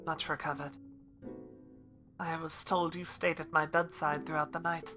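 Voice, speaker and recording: A woman's voice: flat delivery, unhurried, over music. Woman doing a brooding pirate admiral. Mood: solemn. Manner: low, solemn and quiet. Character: proud brooding male pirate admiral, exiled prince.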